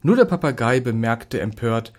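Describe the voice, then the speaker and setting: A man reading a children's story aloud in a lively, expressive way. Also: medium pitch, normal speed.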